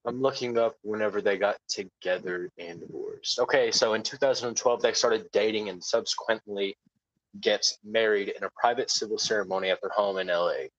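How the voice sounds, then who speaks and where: A man co-hosting a casual podcast, laid-back, reading haltingly from a web page. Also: lowish voice, fairly even intonation, no room sound, lo-fi sound. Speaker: podcast co-host.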